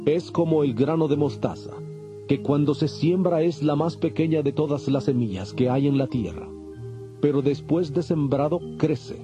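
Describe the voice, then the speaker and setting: A man playing Jesus as a calm, authoritative teacher, speaking in measured, solemn phrases for a dramatized audio Bible. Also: fairly high pitch, close to an everyday voice. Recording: dull, band-limited audio with music.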